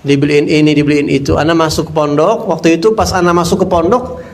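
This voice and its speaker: A man's voice: fairly high pitch, steady tone, fast, darkish tone. A man giving a storytelling sermon in a casual, colloquial way, acting out what people said. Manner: casual, colloquial, acts out quoted voices. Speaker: preacher.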